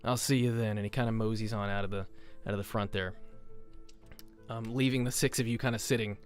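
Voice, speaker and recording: A man's voice: lowish voice, little pitch movement, brisk, soft background music. A man narrating and voicing characters as game master of a tabletop game, hesitant with many ums and restarts.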